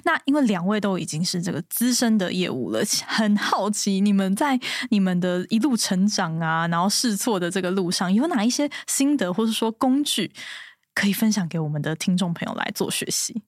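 A woman hosts an interview at a medium pitch. She listens attentively and asks follow-up questions. Her voice is recorded close and dry. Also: animated, a little fast, dry recording. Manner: attentive, frequent short backchannels. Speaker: podcast host. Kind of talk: interview hosting.

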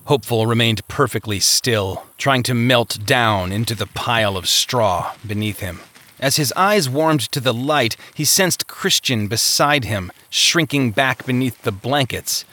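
A man reads a novel aloud in a steady storytelling manner, sometimes lightly voicing the characters. His voice sits at a middle pitch with a bright tone. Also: measured pace. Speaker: audiobook narrator. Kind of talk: scripted narration of a novel.

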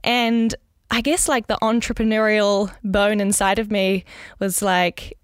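A young woman with a New Zealand accent talks casually and candidly, peppering her answers with "like". Her voice is smooth and clear. The recording is dry, with no room sound. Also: medium pitch, steady tone, measured pace, no room sound. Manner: chatty, candid, frequent "like" fillers, light laughs. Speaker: designer and freelancer, guest.

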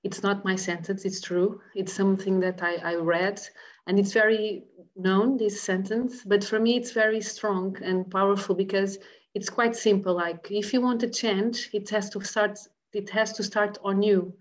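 A woman's voice: mid-range voice, fairly even intonation, normal speed. A woman in her thirties with a Portuguese accent, answering casually from her home office and often repeating words. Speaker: interview guest, association president. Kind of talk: casual conversational interview answers.

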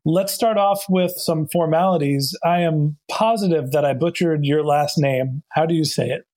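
Upbeat man hosting a podcast, higher voice. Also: moderate pace, darkish tone. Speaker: podcast host. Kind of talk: podcast hosting and sponsor read.

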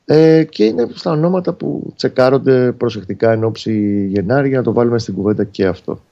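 A man's voice: medium pitch, animated, gravelly, dark tone, highs cut off. A man working as a football reporter, explaining match incidents in detail during a casual sports talk.

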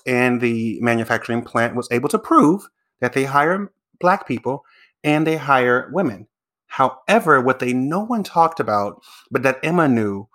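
Male podcast host, earnest and explanatory, mid-pitched voice. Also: a bit bright. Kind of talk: conversational interview.

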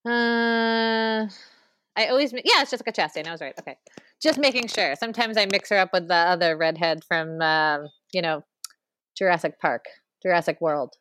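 A woman co-hosting a podcast in casual chat, animated and ranting, with quick asides and laughs. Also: fairly low pitch, clear, resonant tone, no room sound. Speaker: podcast co-host.

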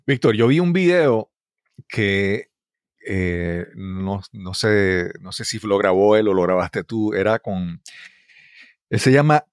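A man's voice: fairly low pitch, animated, slow pace, clean tone, no echo, studio quality. A man hosting an interview, speaking hesitantly and often seeking confirmation. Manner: hesitant, asks for confirmation with frequent tag questions. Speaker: podcast host. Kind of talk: casual interview talk.

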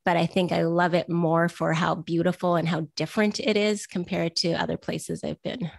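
A woman's voice: on the low side, flat delivery, moderate pace, creaky, dry recording. A woman in her forties from Vancouver, chatting as an interview guest and telling stories in a self-deprecating way. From Vancouver, Canada. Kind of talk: casual interview conversation.

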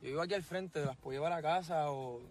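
An actor as a calm, obliging local man. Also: fairly high pitch, fast talker, slight background noise, close to an everyday voice. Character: helpful local man offering a ride. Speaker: actor in a teaser clip.

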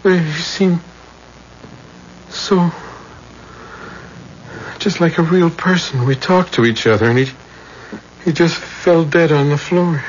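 An actor playing a meek, earnest, bewildered shopkeeper and husband, speaking haltingly in a period drama. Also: male voice, on the high side. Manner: hesitant, halting. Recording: dull, noisy old recording.

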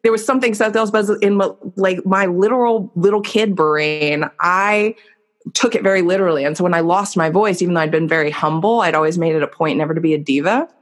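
She's a podcast guest in her thirties, a fast talker with a fairly low voice, looking back on her life in frank conversation. Her manner is earnest and reflective, and fillers crop up constantly.

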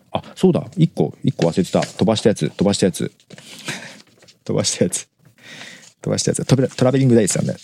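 A man's voice: lowish voice, gravelly, dark tone, dry recording. A man hosting a casual live-stream show, reading out listener messages in a chatty way and laughing often between remarks. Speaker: host.

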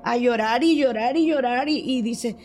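An older woman, telling a true story in an animated way and acting out the people she quotes. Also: fairly high pitch, normal speed, soft background music. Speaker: storyteller guest.

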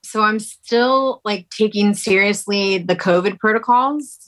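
Woman, guest singer, video call, easygoing, agreeable, middle pitch. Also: a little slow, fairly bright tone. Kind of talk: casual chat.

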